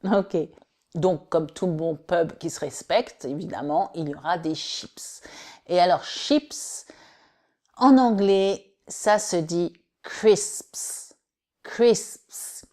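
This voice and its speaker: A woman teacher explains English vocabulary in at an unhurried, patient pace. Her voice sits a little low. She spells words letter by letter, repeats each one for practice and fills her sentences with little hesitations. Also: dark tone. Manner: chatty with many fillers and restarts. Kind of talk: French-language English lesson.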